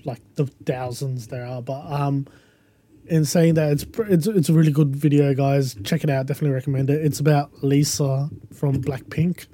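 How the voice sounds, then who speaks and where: A husky-voiced man hosts a casual podcast, pitched a little high with a soft, unforced tone. He talks like a mate, full of banter and teasing. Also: fairly even intonation, moderate pace, dry recording. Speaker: podcast host.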